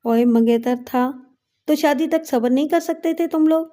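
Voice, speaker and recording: Woman reading as a crude bullying cop, mocking everyone, high soft voice. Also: natural voice. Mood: sneering. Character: crude, leering corrupt male police inspector.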